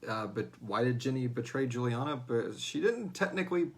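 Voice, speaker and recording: Hosting a livestreamed fan Q&A about a serial drama, a man chats casually and rambles, dropping slangy, profane asides and phrasing things hesitantly. His mid-range voice is expressive and moves at normal speed.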